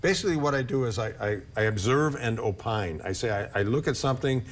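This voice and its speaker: A fast-talking man in his sixties with a mid-range voice, a blogger who has lived for decades in Upper Michigan, USA, sits as a guest on a TV studio couch set. Wearing a lapel mic, he chats in a friendly, casual way, often repeating a word as he starts a sentence.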